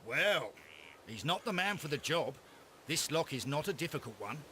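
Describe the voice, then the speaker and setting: An actor playing an earnest Victorian police inspector in a video game, with an English accent and an emphatic, matter-of-fact manner. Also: male voice, fairly high pitch, sing-song, normal speed, bright, forceful tone. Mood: puzzled. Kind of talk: video game dramatic acting. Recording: clear background noise and outdoor ambience.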